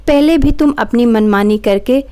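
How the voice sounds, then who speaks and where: A woman's voice: a little high, normal speed, dark tone, clear, resonant tone, natural voice. A woman voicing a young husband, earnest and pleading, in a told story. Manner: earnest, then stern.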